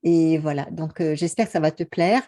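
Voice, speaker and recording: A woman's voice: deep voice, moderate pace, noisy background. A woman coach hosting an interview over a video call, chatty and full of fillers. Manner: chatty, warm welcome, frequent fillers. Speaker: host and coach.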